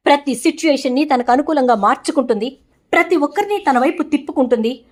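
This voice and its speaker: A scheming young woman villain, read by a woman narrator speaks in a high, bitter voice. She sounds possessive and defiant, a storybook villainess who wants everything for herself. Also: fast talker, darkish tone, natural voice.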